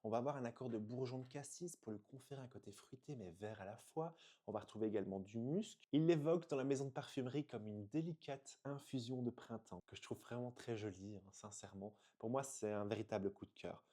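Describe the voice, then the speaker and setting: A man's voice: mid-range voice, brisk, mellow. A man from France reviewing perfumes in an enthusiastic unboxing video, gushing with frequent exclamations and hesitant fillers.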